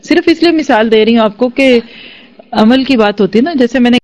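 A woman's voice: a little high, darkish tone. A woman teaching a religious lesson to a class, earnest and persuasive, making her points through everyday family examples. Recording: slightly dull lo-fi recording.

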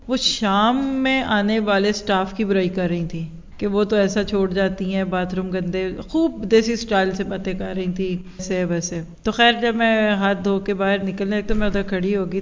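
A woman gives an earnest religious lecture at a middle pitch, often asking rhetorical questions. Her voice comes over a dull, lo-fi recording with a long echo from a large hall. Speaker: religious teacher. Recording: lo-fi sound in a reverberant hall.

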